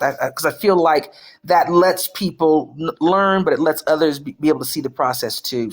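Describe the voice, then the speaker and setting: Emphatic woman hosting a healing stream. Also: rumbling low. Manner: emphatic, repeats key phrases, colloquial. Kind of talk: casual live-stream talk.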